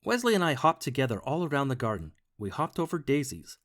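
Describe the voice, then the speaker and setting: A man reads a children's picture book aloud in the first person, as a bunny. His delivery is playful and expressive, with a widely moving pitch. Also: a little fast. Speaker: narrator. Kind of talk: storybook read-aloud.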